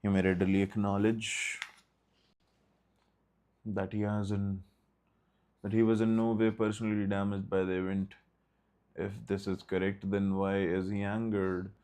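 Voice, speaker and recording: In an unhurried, smooth, slightly mellow voice that sits lowish with little pitch movement, a study group leader reads a textbook aloud, leaving long pauses. He reads steadily and occasionally breaks off for brief asides.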